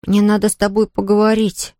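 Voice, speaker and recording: A woman voicing a stubborn, anxious boy under ten who talks quickly and defensively. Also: mid-range voice, completely flat delivery, mellow, no room sound, studio quality, close to an everyday voice.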